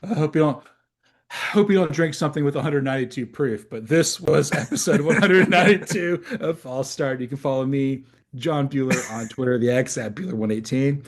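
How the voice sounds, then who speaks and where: A man's voice: medium pitch, brisk. Jokey laid-back male podcast host. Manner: jokey, laughs often, playful quoted voices. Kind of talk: casual sports podcast banter.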